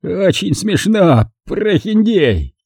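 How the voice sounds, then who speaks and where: Man putting on a drunk bitter man, slurring, sarcastic, strained higher voice, dry close mic. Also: huge pitch swings, measured pace, dark tone, breathy edge, dry recording, exaggerated voice. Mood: sneering. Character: drunk bitter middle-aged man, sneering. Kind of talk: audiobook character voice.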